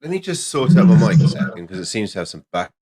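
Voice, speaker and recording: 낮은 목소리의 웨일스 밸리 억양 남자. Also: male voice, on the low side, sing-song, fast talker, mellow, slightly rough. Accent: South Wales Valleys. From South Wales. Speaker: guest, entrepreneur. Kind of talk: casual interview chat.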